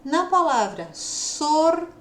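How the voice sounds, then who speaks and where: A woman teacher with a São Paulo countryside caipira accent, giving a video lesson to young children and sounding out syllables slowly. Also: high-pitched, sing-song, reverberant, a little hiss or hum. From São Paulo state, Brazil. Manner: slow, drawn-out sounding of syllables. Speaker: primary school teacher.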